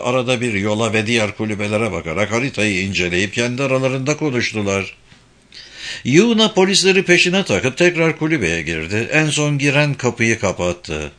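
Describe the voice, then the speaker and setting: A man reading a crime novel aloud as an audiobook, narrating expressively. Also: mid-range voice. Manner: expressive storytelling. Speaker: audiobook reader. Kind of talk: scripted narration.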